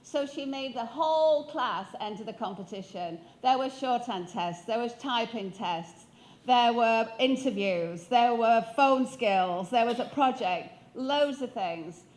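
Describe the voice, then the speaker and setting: Lively woman speaker. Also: a little high, measured pace. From Sheffield, northern England. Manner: lively, quizzes the audience with questions. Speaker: motivational speaker. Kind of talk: keynote talk to a live audience. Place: stage before an audience. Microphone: handheld microphone.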